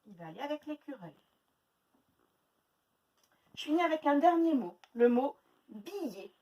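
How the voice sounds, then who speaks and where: A woman teaching a phonics lesson to young children, sounding out words slowly syllable by syllable. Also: high voice, sing-song, mellow, far from the mic, rough recording. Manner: slow, exaggerated syllable-by-syllable pronunciation. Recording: faint noise, voice a little off-mic.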